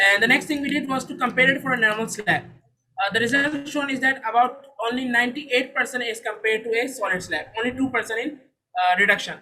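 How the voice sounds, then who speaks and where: This young man from Saudi Arabia, a startup founder, delivers his pitch and Q&A a little fast, his extremely high voice pushed and bright. His tone is earnest and formal, complete with a courteous "sir." The audio is poor.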